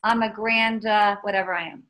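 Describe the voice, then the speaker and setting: A woman's voice: medium pitch, steady tone, fairly quick, fairly bright tone, poor audio. A woman in her fifties co-hosting a casual chat, telling stories in a rambling way with many restarts. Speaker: podcast co-host.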